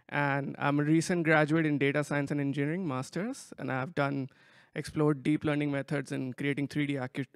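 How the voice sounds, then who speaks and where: Clear-voiced young man introducing himself. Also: on the high side, dry recording, studio quality. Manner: direct, spelling things out. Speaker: recent graduate job seeker. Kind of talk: audience self-introduction.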